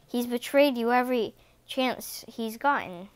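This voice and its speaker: A grumpy, bitter cat father from a storybook who scolds his kid in a sour way, as a woman reads him. He talks slowly with a fairly high voice. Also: clean tone, no room sound, lightly acted.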